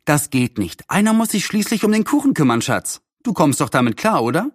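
A man voicing a brisk, practical and caring mother in a storybook reading, a little reproachful. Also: a little high, sing-song, slightly rough, dry recording, clean studio sound, voice pushed up.

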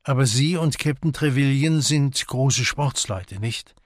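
A man's voice: medium pitch, a little slow, no echo, studio quality, lightly acted. A man voicing an eager young woman. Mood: curious. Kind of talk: audiobook character voice.

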